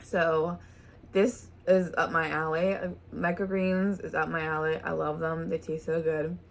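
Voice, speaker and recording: A woman's voice: low-pitched, flat delivery, measured pace, vocal fry. A woman hosting a vlog, chatting casually while eating a meal at home. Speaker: vlog host. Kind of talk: casual chat over a meal.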